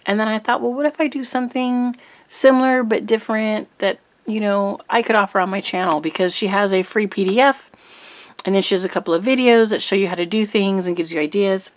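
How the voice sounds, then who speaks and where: Talking a little fast, this crafting-channel host, a middle-aged woman, rambles casually to camera, scattering little laughs and ums. Allergies leave her mid-range voice a bit rough, and her intonation stays fairly even.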